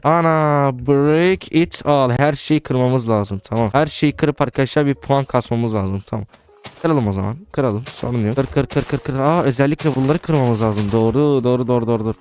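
A young man giving casual gameplay commentary, excitable, repeating words in quick bursts and swearing now and then. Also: medium pitch, slight background noise. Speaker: gaming YouTuber.

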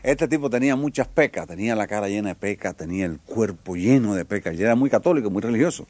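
A man's voice: fairly low pitch, lively intonation, fast talker, darkish tone, no room sound, a faint crowd. A man telling jokes to a live audience, acting out each character's lines. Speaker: stand-up comedian.

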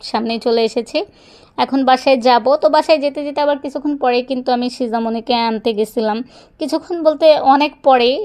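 A woman's voice: a little high, a little mellow, clean tone. A young woman vlogging in a casual, rambling way while walking outdoors, talking into a handheld phone. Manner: chatty, rambling, fond of filler phrases. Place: outdoors on a neighborhood walk.

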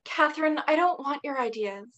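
A woman's voice: sits high, expressive, moderate pace, a bit bright, lo-fi sound. A woman reading the part of a restless, earnest young woman at a script read-through. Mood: impatient.

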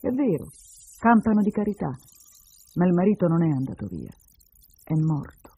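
A man voicing a thin, poor woman who speaks calmly and plainly, in a husky voice. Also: high-pitched, moderate pace, no echo, full character voice. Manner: calm, matter-of-fact.

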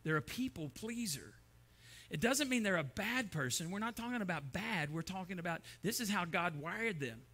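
A man's voice: high-pitched, animated, normal speed, sharp tone. A middle-aged man preaching a sermon, telling stories and acting out the voices in them. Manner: storytelling, acts out voices in his anecdotes. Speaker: pastor. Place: church sanctuary.

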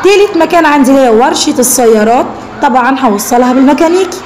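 A young woman with an Egyptian Arabic accent teaching a first-grade Arabic lesson, praising the children and drawing out each word slowly as she spells it. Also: high-pitched, expressive, a little mellow, a little hiss or hum. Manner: drawn-out slow spelling of words, encouraging praise to children.

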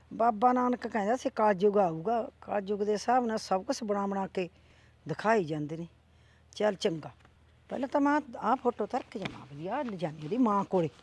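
A woman's voice: medium pitch, darkish tone, husky. A middle-aged woman acting in a village short drama, lamenting and scolding dramatically as she spreads gossip.

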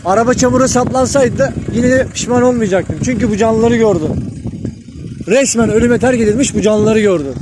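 A man's voice: very high voice, fairly quick. A man on a rural dirt road, emotionally pleading and calling to stray dogs, filmed on a handheld phone. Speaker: vlogger. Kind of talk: outdoor vlog feeding stray dogs. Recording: loud outdoor noise behind.

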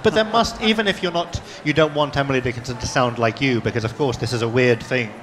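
A man's voice: mid-range voice, fast talker, big-room sound, over music. A man moderating a panel discussion, asking long questions with many restarts. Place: panel session at a book fair.

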